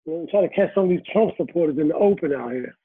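A man's voice: a little high, lively intonation, rapid-fire, breathy edge. Man with a muffled, cup-like mic. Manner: joking, laid-back banter. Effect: muffled, as if talking into a cup. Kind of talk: casual chat.

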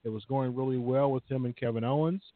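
On a thin phone line that keeps cutting in and out, a man talks casually about wrestling at a quick pace. His mid-range voice has fairly even intonation, and he rambles with lots of "uh" and "you know." The recording is dry.

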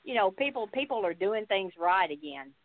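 A woman's voice: mid-range voice, animated, normal speed. A woman chatting casually as a guest on a radio show. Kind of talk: casual chat. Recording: dull lo-fi line, faint noise.

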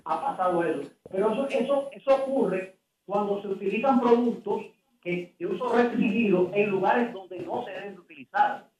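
A man's voice: high-pitched, normal speed, darkish tone, slightly rough. A man speaking insistently in a panel discussion, repeating phrases. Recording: echoey room.

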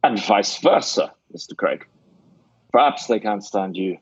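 An actor playing a shrewd, blunt middle-aged Scottish theatre owner, with a Scottish accent, in an old-time radio drama. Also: male voice, fairly low pitch, expressive, unhurried, slightly rough, no room sound. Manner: blunt, scolding, sly. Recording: dull dry lo-fi radio recording.

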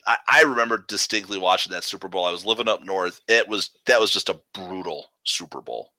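A man's voice: low voice, brisk, sharp tone, no room sound, rough recording. A man co-hosting a sports podcast, speaking emphatically and repeating words for stress in casual chat. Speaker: podcast co-host.

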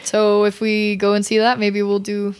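A woman's voice: mid-range voice, monotone, normal speed, clear, resonant tone. A woman chatting informally and giggly as a podcast co-host. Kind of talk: casual chat.

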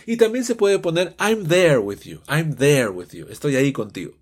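A man teaching English phrases to Spanish speakers, explaining with animated energy and playfully acting out his students' questions. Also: a little high, normal speed, husky. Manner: playfully acts out students' questions in raised voices.

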